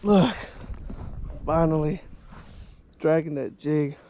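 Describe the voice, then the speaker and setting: Excited fishing vlogger outdoors. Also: male voice, on the high side, slow pace. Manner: excited, talks to viewers as "you guys". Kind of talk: casual outdoor vlog narration. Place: outdoors by a lake on a windy day. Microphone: action camera. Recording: outdoor camera mic with wind noise.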